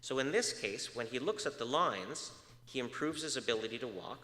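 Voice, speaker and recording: Speaking at a normal speed, this man has a mid-range voice, pushed and bright, with lively intonation. He's a research speaker giving a public lecture, quizzing the audience, saying "uh" often and sometimes moving off mic, all inside a large lecture hall full of echo.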